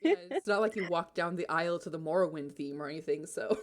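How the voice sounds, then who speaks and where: A woman's voice: lowish voice, quick pace. A woman hosting a casual podcast chat, playful and teasing. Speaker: podcast host.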